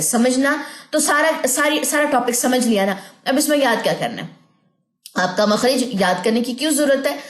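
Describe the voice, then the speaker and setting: Woman teacher, high voice, patient explainer, echoey room recording. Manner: explains patiently, demonstrating slow drawn-out recitation. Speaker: tajweed teacher. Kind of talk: online recitation lesson.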